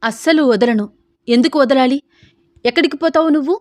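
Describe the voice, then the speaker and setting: A woman's voice: high voice, fairly quick, dry recording, studio quality, voice pushed up, lightly acted. Woman voicing a stubborn devoted young woman. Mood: pleading, defiant. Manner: pleading yet defiant.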